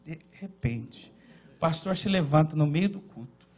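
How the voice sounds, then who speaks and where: A man from Northeast Brazil with a Northeastern Brazilian accent, preaching a sermon at a church service, moving between loud shouting and quiet storytelling. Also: on the high side, a little fast. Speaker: pastor.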